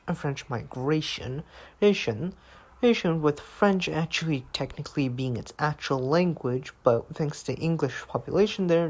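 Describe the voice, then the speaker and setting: A woman's voice: sits low, a little mellow, low-quality recording. A woman hosting a casual narrated explainer video, often repeating and restarting words as she reads along. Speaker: video host.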